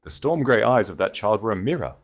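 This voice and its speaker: In a very deep, low voice, a man narrates a historical romance audio story. His delivery is dramatic and measured, scripted and steady, made for listening.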